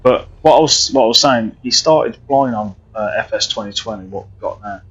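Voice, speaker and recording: A man talks his way through a flight sim stream, rambling with many restarts. His voice is husky and mid-pitched, and the audio sounds a bit dull and lo-fi. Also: moderate pace, fairly bright tone. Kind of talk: live flight sim commentary.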